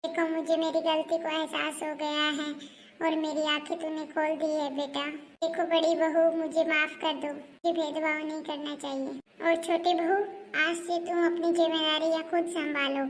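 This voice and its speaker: A woman's voice: sits high, little pitch movement, moderate pace, low-quality recording. A woman voicing a bossy middle-aged mother-in-law who runs the house, talking in a scolding, commanding way in a comedic family skit. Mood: contrite.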